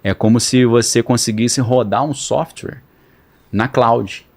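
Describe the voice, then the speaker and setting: A man's voice: medium pitch, a little slow. Brazilian man, podcast guest, explains in an easygoing, conversational way. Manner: relaxed, explains with slang and analogies.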